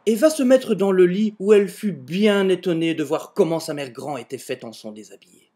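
A man's voice: sits high, lively intonation, normal speed, dark tone, faint music behind. A man telling a comic version of a fairy tale at home, recorded on a webcam in front of a door, with mock-exasperated asides. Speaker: amateur video maker telling a fairy tale. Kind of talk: comic storytelling.

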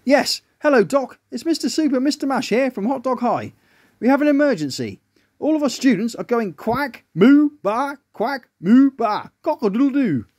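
A man's voice: high-pitched, big pitch swings, a little fast, darkish tone, husky, no echo, pitched above the performer's own voice, full character voice. A man voicing a flustered, formal male schoolteacher made of mashed potato in a children's story.

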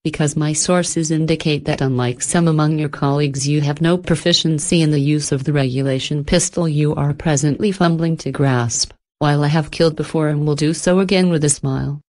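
Using a deep voice and light acting, a woman portrays an ancient, cultured, menacing being in a storybook reading. She speaks evenly, softly, and with measured care, sounding both threatening and amused.

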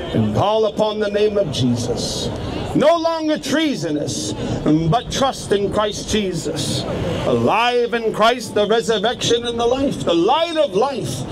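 A man preaching in the open air of a busy street, his voice pitched high as he presses listeners again and again to turn and pray. Traffic and city noise fill the space around him. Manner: urgent, repetitive exhortation with hallelujahs.

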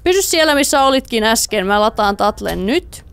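A woman doing let's play commentary, excitable, talking to the game characters and slipping in English phrases. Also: on the high side, a little hiss or hum. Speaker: gaming YouTuber.

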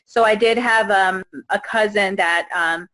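A woman in her thirties from Guatemala, a guest telling her own story on a video call, earnest and halting with many fillers and restarts. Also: mid-range voice, fairly even intonation, fairly bright tone, rough recording. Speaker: interview guest. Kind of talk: personal testimony in a video call. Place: indoors, small room. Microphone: video call webcam.

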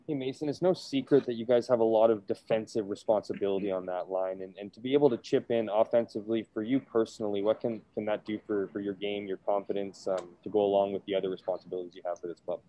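Male reporter, lowish warm voice, quick winding questions. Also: steady tone, rough recording. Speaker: sports reporter. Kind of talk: press conference question.

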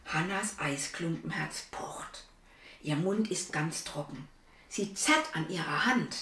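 A woman's voice: fairly low pitch, sharp tone, roomy sound, far from the mic. A woman reading a children's story aloud, adding asides to children and her dog.

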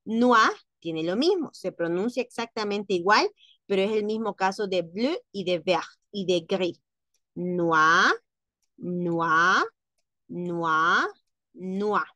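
A woman's voice: medium pitch, lively intonation, a bit bright, dry recording. A woman teaching French in a lesson, patiently explaining word forms and repeating each word several times so students can hear it. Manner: slow and patient, repeats words for pronunciation drills.

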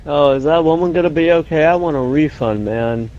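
A man's voice: on the high side, brisk, a little mellow, muffled recording, slight background noise, lightly acted. Man playing a rambling, dazed injured beer lover. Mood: confused, evasive. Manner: rambling, hesitant. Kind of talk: improvised online game role-play.

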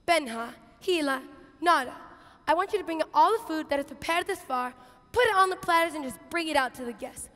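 Performing for an audience in a big, echoey auditorium, a teen-to-young-adult woman speaks briskly in a high, expressive voice through a headset mic. Playing a bossy, harried biblical kitchen hostess in a dramatic monologue, she sounds resolved, her exaggerated theatrical delivery moving between hushed asides and shouts.

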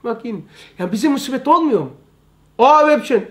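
A man's voice: very high-pitched, lively intonation, moderate pace. A man giving an informal religious lesson, emphatic and repetitive, often calling his listeners brother. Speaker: religious study teacher.

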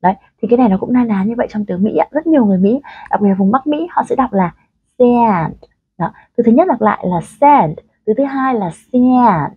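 A Vietnamese woman teaches pronunciation, explaining patiently and sounding each word out slowly. Her voice is very breathy and sits at an ordinary pitch. The recording is dry and narrow, like a phone line. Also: dry recording. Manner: explains patiently, models words slowly, asks learners questions. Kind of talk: pronunciation lesson.

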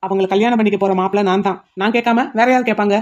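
A woman voicing a loud, indignant young man who is the fiancé in a cartoon. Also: mid-range voice, fairly even intonation, rapid-fire, muffled recording, natural voice.

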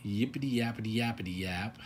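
Handling cards at an indoor table, an older card-collecting channel host rambles through a pack-opening video, casual and self-deprecating. He speaks a little fast in a fairly low voice, with slight background noise.

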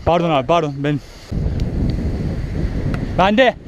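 A man playing beach volleyball outdoors, loudly calling the score and cheering on his teammates. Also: a little high, a little slow, muffled recording. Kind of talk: shouted calls during a game. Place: outdoor beach court by the sea. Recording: loud wind noise on the mic.

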